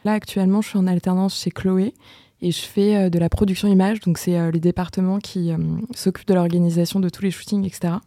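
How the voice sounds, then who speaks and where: Young woman student, very mellow dark tone, slightly low voice; measured, hesitant delivery. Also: little pitch movement, dry recording. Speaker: fashion communication student. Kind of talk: casual spoken testimony.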